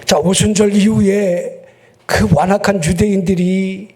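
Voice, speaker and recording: A man pastor with a Chungcheong accent preaching a sermon in a church, joking with the congregation and breaking into shouts. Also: sits high, a little slow. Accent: Chungcheong Korean. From Chungcheong, South Korea. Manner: joking, animated, bursts into shouting. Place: church sanctuary.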